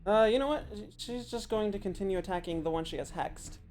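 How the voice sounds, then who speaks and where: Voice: medium pitch, fast, a little mellow. A tabletop game player talking casually and working out dice totals aloud. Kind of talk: casual gaming chat, counting dice.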